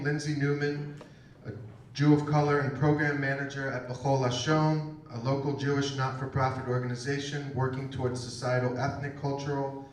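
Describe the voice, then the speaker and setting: A man's voice: mid-range voice, slight background noise. Man announcing at an echoey event. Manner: reads announcements with measured pauses. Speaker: program host introducing an event. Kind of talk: formal event introduction. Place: campus event room. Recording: echoey room, far from the mic.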